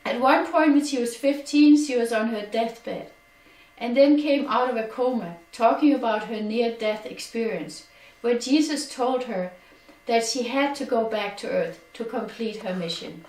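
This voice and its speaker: A woman's voice: a little high, unhurried, a little mellow. Danish woman, earnest, echoey and distant. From Denmark. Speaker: personal testimony speaker. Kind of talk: personal testimony. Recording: echoey room, distant from mic.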